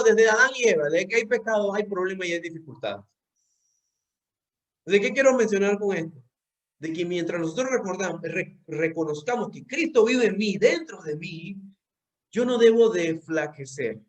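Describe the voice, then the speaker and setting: A young man preaching a sermon, earnest and direct, often repeating words as he searches for the phrasing. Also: high-pitched. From Venezuela. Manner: speaks directly to listeners as "usted".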